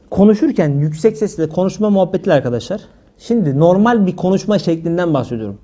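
A male preacher giving a religious talk, his voice sitting high yet sounding warm and mellow. He teases his listeners with jokes between the teachings. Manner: humorous, teasing the audience between teachings. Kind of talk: religious talk to a live audience.

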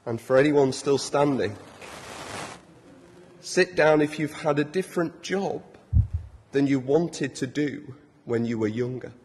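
A man's voice: medium pitch, measured pace, long pauses, husky. A young man preaching a sermon in a church, conversational and joking. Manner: warm, conversational, self-deprecating humor. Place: large church. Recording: long church reverb.

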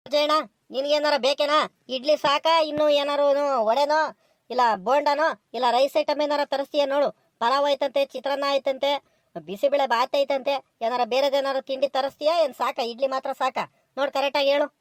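A woman's voice: high-pitched, flat delivery, dry recording, natural voice. A woman voicing an impatient male farm foreman in a comedy cartoon, scolding in a rural southern Karnataka Kannada accent. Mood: pressing. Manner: brisk, scolding and bossy. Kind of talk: village comedy cartoon dialogue.

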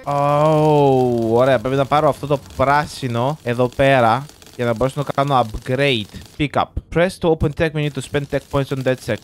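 A young man, chatting through live gameplay commentary and reacting loudly to what happens on screen. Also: mid-range voice, steady tone, few pauses, slight background noise. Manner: chatty, reacts loudly to the game, mixes in English words. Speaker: gaming YouTuber.

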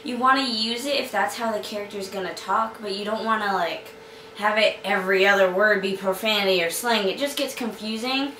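A woman's voice: mid-range voice, a little fast, bright, forceful tone, slight background noise. A young woman with a slight Boston accent, an author giving chatty, upbeat writing tips with lots of fillers. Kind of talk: casual tutorial talk to camera. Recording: echoey room, mic at a distance.

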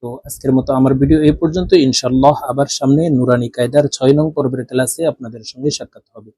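A man teaching Quran letter reading, chanting syllables slowly one by one with short quick explanations between them, with a Bangladeshi Bengali accent. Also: medium pitch, fairly even intonation, dark tone, husky, dry recording, poor audio. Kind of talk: slow drilled recitation lesson.

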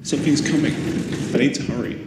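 A man's voice: medium pitch, steady tone, quick pace, lightly acted. A man acting an uneasy, echoing trapped man. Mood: alarmed. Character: uneasy man trapped in a dark haunted house. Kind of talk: horror game character monologue. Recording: very echoey, noisy game audio.

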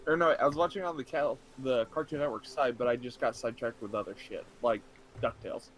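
A young man chatting casually with a friend over a game, relaxed and swearing freely. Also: mid-range voice, quick pace, rough recording. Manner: laid-back, swears freely. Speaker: co-player, friend. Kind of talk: casual chat while gaming.

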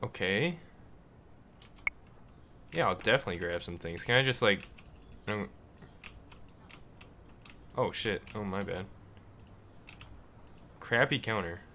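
A man casually commenting while playing a game, excitable and swearing freely, reading the game's dialogue aloud. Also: fairly low pitch, slow pace, long pauses, a little hiss or hum. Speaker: gaming video host. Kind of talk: casual let's play commentary.

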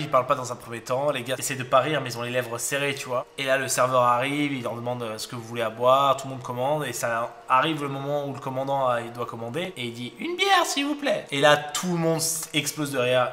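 A poker streamer commentating his hands and telling a joke, excitable and playful. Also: mid-range voice.

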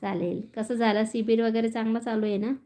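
A woman's voice: on the high side, steady tone, brisk, mellow. A woman chatting casually on a phone live stream, reading out viewer comments and laughing often. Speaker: vlogger reading live chat.

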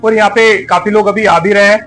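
A man hosts a casual food vlog inside a busy restaurant and its kitchen, speaking enthusiastically and repetitively. His voice sits high with fairly even intonation, a brisk pace, and a fairly bright tone, and music plays beneath the location speech.

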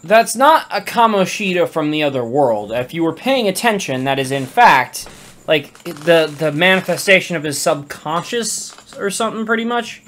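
Low, lively woman gamer commentating. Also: normal speed. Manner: reactive, swears casually, laughs at the dialogue. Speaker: let's play gamer. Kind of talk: casual gameplay commentary.

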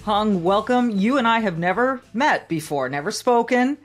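A woman's voice: medium pitch, expressive, moderate pace, soft background music. Upbeat woman podcast host. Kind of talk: interview podcast intro. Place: home office with shelves. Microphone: studio microphone on arm.

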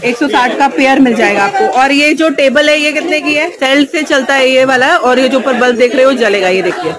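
A woman with a high, slightly quick voice vlogs her way through a busy outdoor market, chatting casually with vendors, asking prices and repeating them for her viewers. Loud crowd chatter fills the background.

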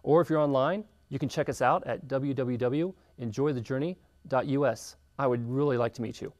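A man preaching as pastor and show host, telling stories with animated emphasis. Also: mid-range voice, a little fast. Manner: animated storytelling, lively and emphatic. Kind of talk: energetic sermon. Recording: echoey church hall.

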